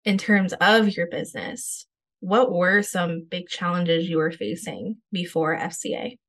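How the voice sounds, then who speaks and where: A woman with a somewhat low voice hosts a faith-based coaching interview. She speaks in an affirming, emotional way, close to tears. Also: measured pace. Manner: warm-hearted, emotional, affirming. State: tearful. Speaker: business coach and interview host.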